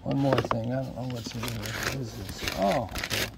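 Outdoor ambient noise surrounds a middle-aged man in a leafy yard as he unboxes gear and chats casually, unscripted, in short, hesitant musings to himself. His voice is medium in pitch with vocal fry, a steady tone, and normal speed.

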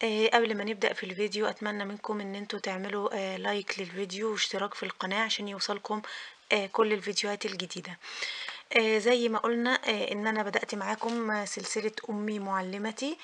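A young woman with an Egyptian Arabic accent teaches a grammar lesson for mothers at a racing pace. Her medium-pitched, slightly bright voice barely moves in pitch. She is patient, repeats key points, and fills pauses with many "ah"s.

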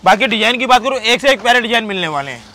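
A man selling saris wholesale from his shop, pitching prices and stock with repetitive, insistent patter. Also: lively intonation, very fast, pushed and bright. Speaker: saree wholesaler. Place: saree shop or factory.

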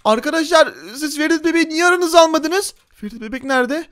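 Man, very high voice, chatty, teasing, game role-play host. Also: quick pace, a bit bright. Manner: chatty, teasing, talks to viewers as "arkadaşlar". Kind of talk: Minecraft role-play commentary.

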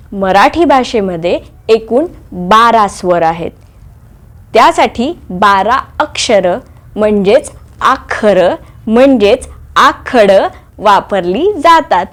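A woman teaching a children's language lesson, speaking slowly and clearly and patiently reciting each sound. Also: mid-range voice. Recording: light background music. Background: light music.

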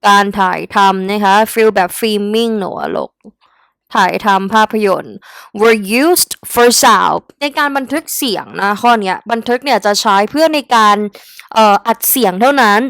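A woman's voice: mid-range voice, a little slow, a bit bright, smooth, dry recording. A young woman with a Thai accent, teaching English vocabulary in a chatty way and addressing her students directly. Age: young adult. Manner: chatty, talks straight to the students as "kids", mixing English words into her lesson. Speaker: English tutor. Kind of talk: exam-prep vocabulary lesson.

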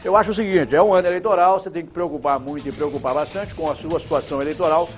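An older man gives animated, chatty commentary from a TV studio, leaning hard on his points. His voice sits a bit high for a man. Faint music plays under the slightly dull broadcast sound. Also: racing. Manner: emphatic, chatty, gestures while talking. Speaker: TV news presenter. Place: TV news studio. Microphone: lapel mic.

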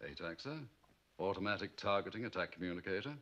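An actor playing a suave, unflappable British secret agent, smooth and assured, in a film drama. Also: male voice, deep voice, quick pace, fairly bright tone, lo-fi sound. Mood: composed, businesslike.

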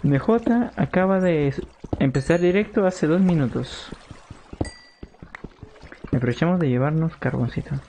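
Excitable male gaming streamer. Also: a little high, a little slow, pauses often, slight background noise. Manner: excitable, yelps and shrieks in panic; chats with live viewers. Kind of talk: live gameplay commentary.

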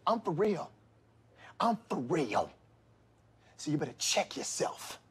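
A man playing a strict, combative middle-aged substitute teacher from an inner-city school in a comedy sketch, stern and husky as he barks at the class. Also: fairly high pitch, big pitch swings, slow pace, a little hiss or hum. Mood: menacing, exasperated. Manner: stern substitute teacher barking roll call.

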